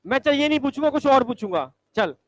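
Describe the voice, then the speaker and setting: A male teacher quizzing students in a classroom, briskly ordering them to stand up and recite examples. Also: very high voice, lively intonation.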